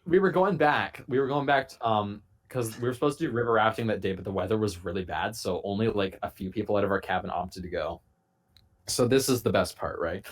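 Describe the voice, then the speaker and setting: A man on a casual podcast, telling a long profane story in a rambling, animated way. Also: fairly low pitch. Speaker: podcast host.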